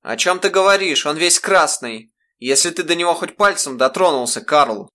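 A man's voice: medium pitch, lively intonation, moderate pace, bright, forceful tone, pitched above the performer's own voice. A man voicing a doting, anxious mother with a coddling, pleading manner in an audiobook. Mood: alarmed.

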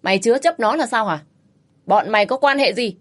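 A woman shouting as a foul-mouthed abusive husband. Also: low-pitched, animated, fast talker, husky, dry recording, exaggerated voice. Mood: shouting abuse. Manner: shouting, cursing, bullying.

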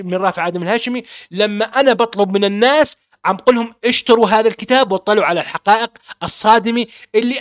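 A man's voice: very high voice, a bit bright, dry recording, clean studio sound. A man with a Levantine Arabic accent, an author delivering an impassioned monologue. He is insistent and fervent, firing off rhetorical questions and repeating himself. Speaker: author and publisher.

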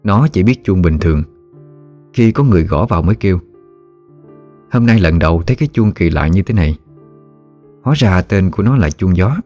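Deep-voiced male storyteller. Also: soft background music. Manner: calm, measured storytelling. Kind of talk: scripted story narration.

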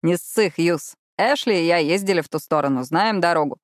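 Audiobook: brash joking young man voiced by a woman, low-pitched, dry. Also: normal speed, no echo, close to an everyday voice. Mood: teasing. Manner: loud, mocking. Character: cheerful teasing young man.

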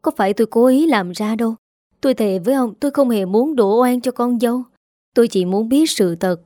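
A woman's voice: on the high side, moderate pace, warm tone, no room sound, studio quality, natural voice. Woman voicing a tearful begging mother. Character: tearful middle-aged mother begging forgiveness.

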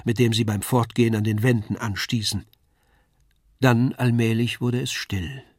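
A man calmly reading a classic novella aloud. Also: medium pitch, no echo, studio quality. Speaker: reader. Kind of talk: scripted narration of a novella.

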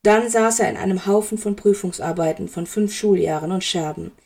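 A woman narrates a fan fiction story aloud as an audiobook. Her delivery is steady and expressive, with a gravelly, creaky texture to her voice. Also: mid-range voice, a little fast.

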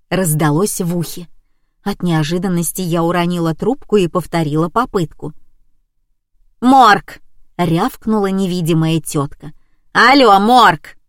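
A woman's voice: fairly low pitch, a little mellow, dry recording, studio quality. A woman reading an audiobook in a wry, ironic manner. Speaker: narrator. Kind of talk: audiobook narration.

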